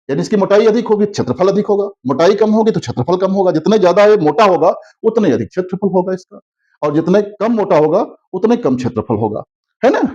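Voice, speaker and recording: A male teacher giving a classroom physics lesson, who keeps checking understanding with tag questions and slows down to spell out key terms. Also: high voice, a little mellow. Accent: Hindi. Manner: repetitive, constantly asks "है ना?" checking understanding. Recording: slightly dull lo-fi audio.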